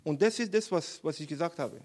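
High-voiced animated male preacher. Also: fairly quick. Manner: animated, emphatic storytelling. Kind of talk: sermon, Bible teaching.

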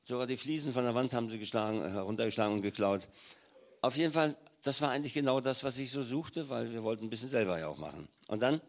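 An older man giving a sermon in a natural, mid-pitched voice. He tells his story with feeling, swelling loud on key points and sinking quiet for tender moments. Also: expressive, fast talker. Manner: emotional storytelling, acts out pleading children softly. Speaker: preacher. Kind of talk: sermon testimony.

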